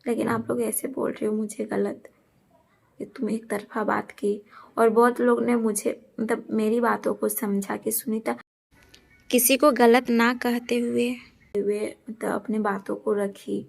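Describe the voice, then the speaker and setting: A young woman speaks straight to her viewers in a casual vlog. Her voice sits a bit high and gravelly, with a flat, even melody as she earnestly and defensively repeats her points. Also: measured pace. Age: young adult. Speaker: vlogger. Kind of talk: casual talk to camera.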